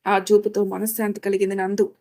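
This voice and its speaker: Calm woman telling a story. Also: mid-range voice, a little fast. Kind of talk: scripted story narration.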